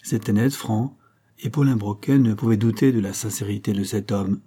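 A male audiobook narrator with a dark, mellow tone and a husky grain. He tells the story at a measured, steady pace. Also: lowish voice. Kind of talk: scripted narration.

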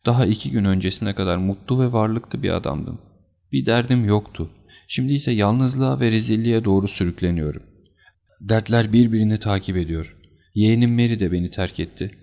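A man's voice: fairly low pitch, fairly quick, creaky, darkish tone, in a large hall, pitched above the performer's own voice. A man voicing a distraught, emotional older banker who speaks in pleading, anguished bursts, for an audiobook. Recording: slightly dull lo-fi recording.

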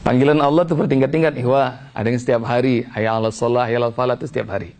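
A man's voice: mid-range voice, steady tone, racing, darkish tone. A man preaching a sermon in style, retelling a story with emotion and rising into fervent prayer.

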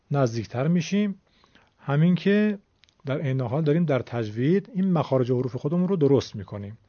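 A man's voice: medium pitch, dry recording. A man giving a radio lesson on Quran recitation, explaining patiently and sounding out letters himself. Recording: dull, dry radio studio sound.

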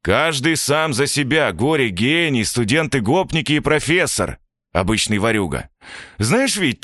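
A man voicing a sharp-tongued, sarcastic male detective who taunts his enemies. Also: medium pitch, no room sound, studio quality, voice pushed up. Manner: sarcastic, taunting, shouts in anger.

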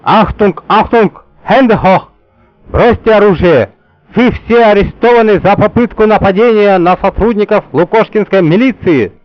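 Brief: male reader playing a pompous German ambassador, shouting drill-style, thick accent, raised voice. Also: high-pitched, moderate pace, no room sound, lo-fi sound, voice pushed up, lightly acted. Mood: barking zeal. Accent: put-on German. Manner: barking, loud, parade-ground. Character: blustering German male ambassador, military zeal.

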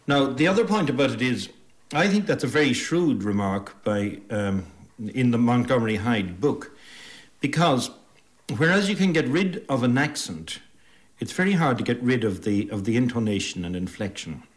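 An Irish man answering interview questions on the radio in a thoughtful, articulate way, with pauses. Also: medium pitch. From Ireland.

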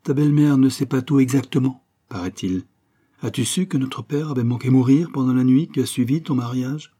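Man reading as a curt young man, gruff short replies, dark husky voice, storybook reading. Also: medium pitch, fairly quick, voice pushed up, lightly acted. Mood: irritated.

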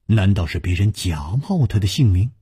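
Young male swordsman hero, read by a man, muttering, sudden exclamations, husky, swinging pitch. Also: very animated, takes it slowly, a little mellow, no room sound, studio quality, heavily acted. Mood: brooding. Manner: muttering, then bursting into exclamations. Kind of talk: storytelling performance.

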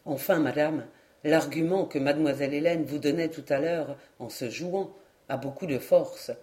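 A woman voicing a kindly middle-aged male doctor who speaks in a measured, reassuring, good-natured way in an audiobook. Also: low-pitched, mellow, voice pushed down, lightly acted.

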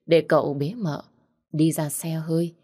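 A woman narrating a storybook tale in a steady, even way. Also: sits low, unhurried.

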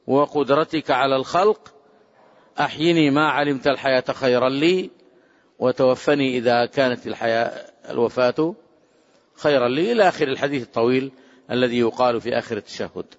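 A man giving a religious lesson as a scholar, speaking emphatically and slowing down to quote prayers. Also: on the high side. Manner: emphatic, rising to forceful exclamations; measured, drawn-out quoting of prayers. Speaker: Islamic scholar teaching. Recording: dull lo-fi sound with long hall reverb.

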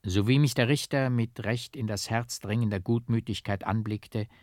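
A man reading a literary novel aloud in a measured, emphatic, rhythmic narration. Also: lowish voice, a little mellow, no echo, clean studio sound. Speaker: audiobook reader.

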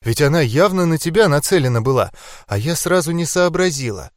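A woman's voice: low-pitched, expressive, no echo, clean studio sound. Man voicing a blunt worried bodyguard woman, raised voice. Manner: rapid, apologetic chatter.

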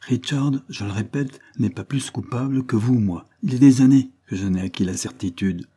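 A man reading aloud voices a calm, firm gentleman lawyer, steady and earnest. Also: medium pitch, brisk, slightly rough, close to an everyday voice.

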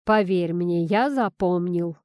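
A woman's voice: lowish voice, takes it slowly, a little mellow, no echo, studio quality. Woman voicing a sheepish clumsy new father. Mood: earnest. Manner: wry, sheepish, self-deprecating. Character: flustered well-meaning father, new to parenting.

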